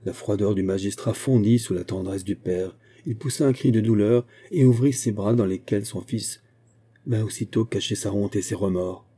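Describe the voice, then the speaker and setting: A man reading a nineteenth-century novella aloud in a steady, literary way. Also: lowish voice, normal speed, husky. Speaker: audiobook reader. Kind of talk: scripted narration.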